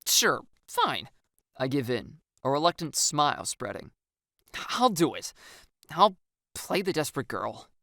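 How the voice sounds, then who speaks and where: This narrator reads a first-person audiobook tale, voicing the lines wryly and very animatedly without rushing. A mid-range, sharp-toned voice with clear creak is recorded up close, completely free of room sound.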